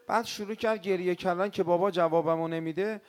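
A male cleric telling a mournful story in a sermon, swinging from hushed words to crying out. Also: sits high, steady tone. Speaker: cleric preacher.

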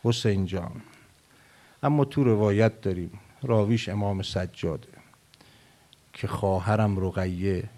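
A man's voice: fairly low pitch, darkish tone. Man preaching an emotional mourning sermon. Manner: dramatic, repetitive, tearful lament.

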